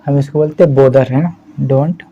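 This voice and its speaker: A man teaching spoken English in Hindi, explaining slowly and checking in with "है ना" again and again. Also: mid-range voice. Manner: slow, repeats "है ना" as a steady check-in. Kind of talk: explaining a language lesson in Hindi. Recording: slightly dull lo-fi audio with faint background hiss.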